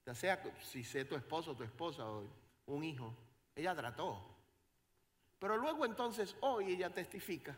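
A male pastor preaching a sermon in church, swinging between quiet passages and loud dramatic exclamations. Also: a little high, very animated, moderate pace.

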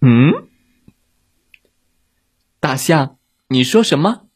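Man doing a high, breathy little monster with a huge belly; childlike, fierce but kind-hearted; storybook audio. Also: very animated, very slow, exaggerated voice. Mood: puzzled. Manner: childlike, fierce then soft.

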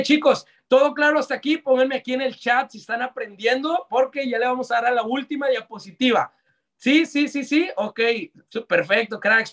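A young Mexican man with a Mexican accent, giving live online sales coaching in a lively, slangy way that talks straight to his audience. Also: very high voice. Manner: energetic, slangy, addresses audience directly. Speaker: sales trainer.

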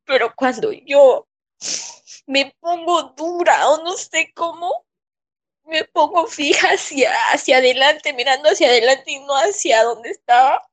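Woman interviewee, high-pitched and unhurried, speaking in shaken, broken phrases. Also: animated. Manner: halting, shaken, pausing often. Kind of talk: emotional personal testimony.

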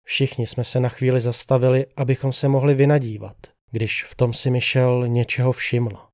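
A man tells a first-person horror story in scripted narration. His delivery stays measured and steady, his voice sits in an ordinary middle pitch, and the recording is close and dry. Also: no room sound.

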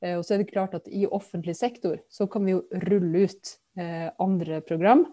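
A woman politician answering questions in a casual interview over a video call, pausing often with filler sounds. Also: on the low side, mellow, no room sound, studio quality. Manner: hesitant, many filler sounds. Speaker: politician, podcast guest.

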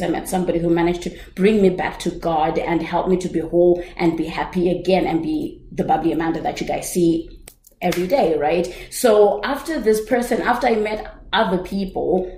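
A chatty woman hosting a podcast and telling her own story in an animated way. Her voice sits a little low and sounds mellow. The room around her is echoey. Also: slight background noise. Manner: animated, chatty, says "right?" often. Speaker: podcast host. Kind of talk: personal testimony talk.

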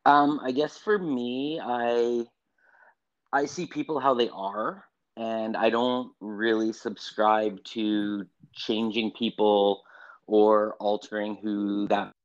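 A man's voice: fairly low pitch, level tone, slow. A man from Saskatchewan, a photographer and guest, talks hesitantly over a remote call whose audio glitches and cuts in and out. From Saskatchewan, Canada. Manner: hesitant, thoughtful, restarts sentences. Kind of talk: casual remote interview. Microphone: computer or phone on a video call. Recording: dull lo-fi online call audio.

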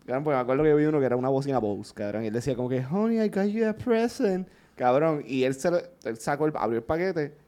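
A man talks at a rapid clip in a dark, mellow voice. He tells stories with animation, swearing freely in a casual podcast chat. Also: mid-range voice. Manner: animated storytelling, swears often. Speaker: podcast co-host.

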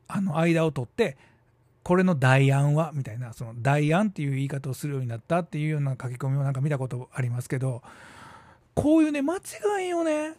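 A man's voice: medium pitch, mellow, no echo. A middle-aged man with a Kansai accent talking casually and musing aloud as the host of a solo talk show. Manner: chatty and musing, with quick asides and drawn-out hesitations. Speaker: theater troupe leader and podcast host.

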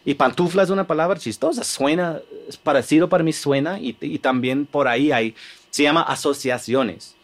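A man from the United States with an American accent, a comedian guest on a podcast explaining his craft in halting Spanish, slipping in English fillers. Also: fairly high pitch. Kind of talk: casual podcast conversation.

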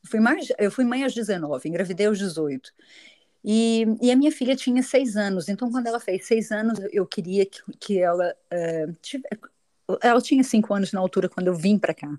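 A middle-aged woman from Brazil speaks with a Brazilian Portuguese accent, her pitch in the middle of the usual range for women. She is a chatty guest in a relaxed interview who tells her story freely. She often laughs and restarts her sentences as she goes. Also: a little fast. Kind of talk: casual interview chat.

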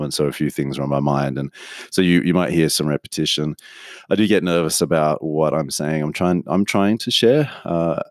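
Male podcast host, very low voice, dry close sound, candid rambling monologue. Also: darkish tone, no echo. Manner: rambling, candid, self-interrupting with restarts. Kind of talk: casual solo podcast monologue.

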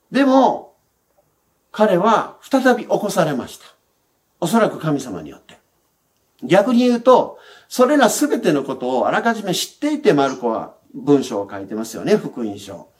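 A man preaching a sermon as a pastor, explaining a Bible passage in a conversational way with soft sentence endings. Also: fairly high pitch.

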